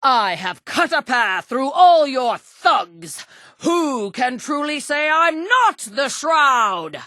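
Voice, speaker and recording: A woman's voice: high voice, very animated, takes it slowly, pushed and bright, no room sound, studio quality, exaggerated voice. A woman voicing a theatrical masked vigilante hero who speaks in grandiose, solemn pronouncements. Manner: grandiose, declamatory. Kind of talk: video game dialogue.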